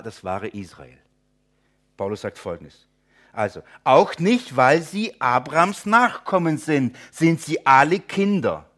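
German-speaking pastor teaching verse by verse. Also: male voice, fairly low pitch, a bit bright. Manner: rhetorical questions to listeners, addresses them as friends; acts out imagined objectors in quick asides.

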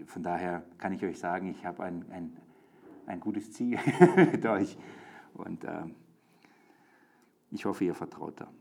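A man's voice: low-pitched, creaky, dark tone. A man teaching from the Bible to a group, talking informally with many restarts and fillers, then reading and stressing verses with rising intensity. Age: adult with a young daughter. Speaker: preacher.

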